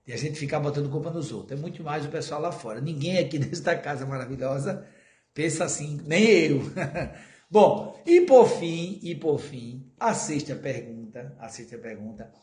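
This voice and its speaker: A man's voice: on the high side, a little mellow, roomy sound. A man with a Brazilian Portuguese accent giving a conversational spiritist lecture, often asking the audience questions and joking with them.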